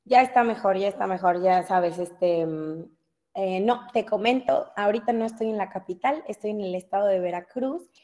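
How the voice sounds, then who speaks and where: A woman's voice: mid-range voice, normal speed, mellow. A young woman, a guest correspondent who is a mother, chatting casually on a video call and sounding tired after a sleepless night.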